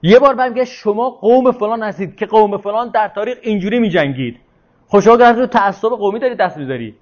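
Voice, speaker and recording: High-voiced man giving an informal lecture. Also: dull audio. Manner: discursive, asks rhetorical questions, repeats points. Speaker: lecturer leading a discussion.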